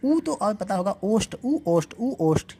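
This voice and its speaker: A woman's voice: medium pitch, big pitch swings, normal speed, mellow, a little hiss or hum. A woman teaching an exam-prep lesson, drilling letter sounds aloud and asking questions she then answers herself. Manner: addresses viewers as friends.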